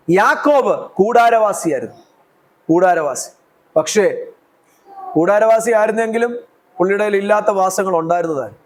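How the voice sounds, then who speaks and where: A Malayali man preaching a sermon in a fairly high voice. He hammers points home by repeating his phrases and keeps asking the congregation questions. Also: rough recording. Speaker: pastor.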